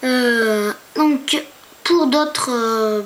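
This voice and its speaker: Woman, high voice, casual screen-tour narrator, hesitant and chatty, talks straight to viewers, home computer mic. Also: drawn-out words, fairly bright tone, slight background noise. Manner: chatty, hesitant, stumbles over foreign names; talks to viewers with rhetorical questions. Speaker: YouTuber.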